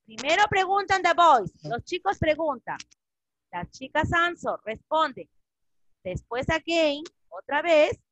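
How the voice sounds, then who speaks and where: High, slow-spoken teacher woman. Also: a bit bright, dry recording, dull audio. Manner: patient, switches between Spanish and English. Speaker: English teacher. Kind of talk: classroom instruction.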